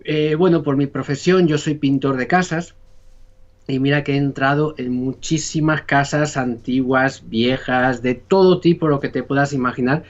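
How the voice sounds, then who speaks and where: A man's voice: medium pitch, steady tone, normal speed, highs cut off. A man from Spain with a Spanish accent, a podcast guest telling his story in a casual, rambling way full of fillers. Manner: rambling, many fillers and restarts. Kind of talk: casual conversation.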